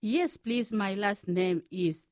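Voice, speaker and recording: Slow-speaking Congolese-born woman. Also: medium pitch, a little mellow, dry recording, studio quality. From Democratic Republic of the Congo. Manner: slow, careful storytelling. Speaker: guest, Franciscan sister. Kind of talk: radio interview.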